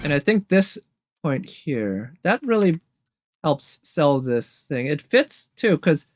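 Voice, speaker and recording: Speaking slowly with a fairly high pitch that swings widely, a male video commentator ranks game trailers. He reacts casually and spontaneously, thinking out loud and wandering a bit, while music from the trailers plays.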